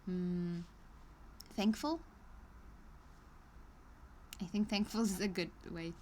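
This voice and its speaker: A woman with a lowish, mellow voice and steady tone reads an online course aloud slowly during a live stream. She stumbles with ums and restarts and breaks off for chatty asides and small laughs. Slight background noise is present.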